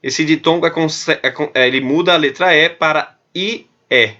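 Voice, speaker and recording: Brazilian teacher explaining grammar, bright lo-fi voice. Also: male voice, fairly high pitch, normal speed. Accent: Brazilian Portuguese. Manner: explains step by step, often checks with "tá?". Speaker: Spanish teacher. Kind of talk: recorded online grammar lesson. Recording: dull lo-fi audio.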